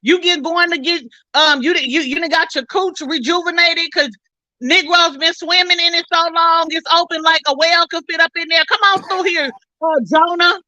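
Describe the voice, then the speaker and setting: A woman talking bluntly and loudly in a casual podcast chat, full of slang. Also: very high-pitched, fairly even intonation, normal speed, no echo, rough recording. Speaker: panelist.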